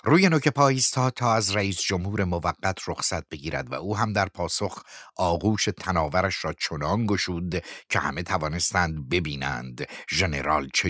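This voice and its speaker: A man narrating a novel as an audiobook, measured and often dropping to a hushed whisper. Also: low voice, dry recording, clean studio sound.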